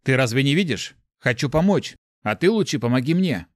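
A man voices an earnest, defiant young adventurer, pitching his voice higher than his own so it sits high. The delivery is expressive at a moderate pace, with clean studio sound and no room sound.

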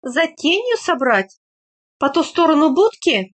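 A woman voicing a practical, playfully scolding young village woman in a read-aloud story, slow and measured. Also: on the high side, big pitch swings. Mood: teasing, brisk.

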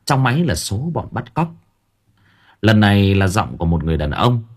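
A man narrating a first-person audiobook story, expressive and dramatic, stammering in tense moments. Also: lowish voice, normal speed, slightly rough.

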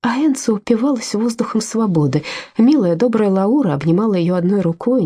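A woman reads a novel aloud at an even, measured pace. Her voice sits low and mellow, with a soft husky grain. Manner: measured storytelling. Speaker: audiobook narrator. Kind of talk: scripted narration.

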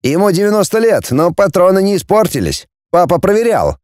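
A man's voice: high-pitched, very animated, a little fast, darkish tone, dry recording, clean studio sound, pitched above the performer's own voice. A man doing a fussy, nervous teenage boy. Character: gangly nervous teenage boy, eager to help.

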